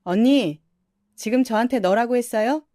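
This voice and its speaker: A woman's voice: a little high, moderate pace, warm tone, no room sound, studio quality, close to an everyday voice. A woman voicing a pampered sister-in-law nearing forty who protests in a flustered, whiny way.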